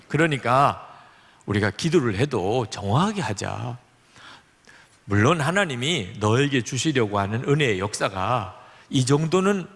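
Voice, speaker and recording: A man's voice: a bit bright, breathy edge. A middle-aged male pastor preaching a sermon, telling a story and acting out the voices in it. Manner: storytelling, acting out dialogue with shifts of pitch. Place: large church hall. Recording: long hall reverb.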